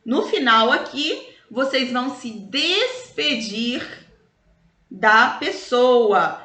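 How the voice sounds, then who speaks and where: A Brazilian woman teaching schoolchildren in a recorded review lesson, explaining slowly and stretching out example words in a sing-song way. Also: a little high, lively intonation, pushed and bright. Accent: Brazilian Portuguese. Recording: echoey room.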